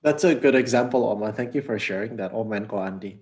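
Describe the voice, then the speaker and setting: A man hosting a talk show over a video call, explaining calmly and mixing English phrases into his talk. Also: on the low side, a little fast. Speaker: host and psychologist.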